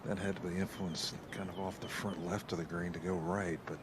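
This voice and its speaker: A man's voice: low-pitched, little pitch movement, a little fast. A man doing live golf commentary, explaining and analysing as he goes. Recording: clear outdoor background noise.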